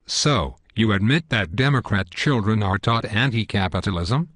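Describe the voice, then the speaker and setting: A man's voice: lowish voice, expressive, normal speed, a bit bright, no room sound, clean studio sound. A synthetic male voice playing a smug, belligerent parody news anchor in a scripted cartoon newscast, stiff and pompous. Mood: accusing.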